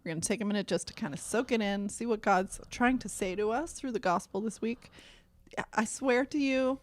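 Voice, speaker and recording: A woman in a casual parish talk show, joking easily and laughing often with a mid-range voice. When she reads scripture she turns calm and earnest. The sound is dry and close. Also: mid-range voice, a little fast, no echo. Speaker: parish podcast co-host. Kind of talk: casual chat and gospel reading.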